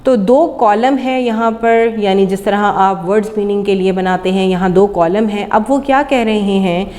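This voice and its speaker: A woman with a Pakistani accent, teaching an English lesson and slowly sounding out each word. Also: medium pitch, fairly even intonation, mellow, long reverb tail. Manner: slow, deliberate sounding-out of words. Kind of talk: classroom lesson on pronunciation.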